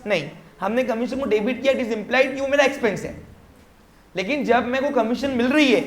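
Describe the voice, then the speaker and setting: A man teaching a commerce class in a classroom, explaining step by step and often quizzing his students with short check questions. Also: very high-pitched. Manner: mixes English terms into Hindi explanation. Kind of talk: classroom lecture. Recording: roomy classroom echo.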